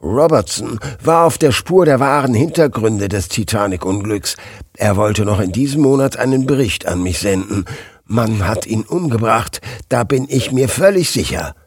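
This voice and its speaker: A man voicing an excitable, easily agitated male newspaper editor in an audiobook, his voice rising high when eager. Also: normal speed, slightly rough, no echo, studio quality. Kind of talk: audiobook character voice.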